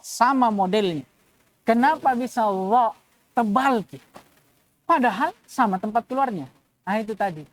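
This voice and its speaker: A woman's voice: a little high, moderate pace, pauses often. A woman teaching Quran recitation, sounding out letters again and again and checking that her students follow. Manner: drills letter sounds aloud, repeating each for students; checks understanding with short questions. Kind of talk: tajwid lesson.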